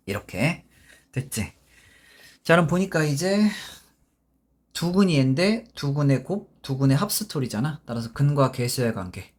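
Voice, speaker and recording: Man teaching math with constant check-ins. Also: mid-range voice. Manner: informal, constantly checking understanding with short tag questions; talks while working problems step by step, with self-corrections. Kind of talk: casual math lecture.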